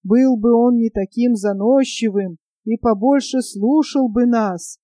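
A woman voicing a touchy, forgetful female jay with a scratchy, creaky voice in a storybook tale. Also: on the high side, unhurried, warm tone, no echo, studio quality, lightly acted. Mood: huffy.

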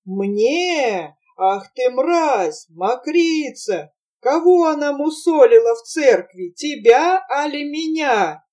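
A woman voicing a coarse, mocking old merchant father who talks slowly and loudly, recorded from a distance. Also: high voice, expressive. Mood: angry. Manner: jeering, slow and loud.

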